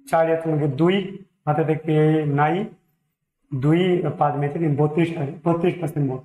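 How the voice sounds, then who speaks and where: Working percentage problems out loud for an exam-prep class, a Bengali-accented man counts through each step and drops in English number words. His voice is a little high for a man yet dark in tone, delivered flatly and fairly quickly in a room that rings with echo.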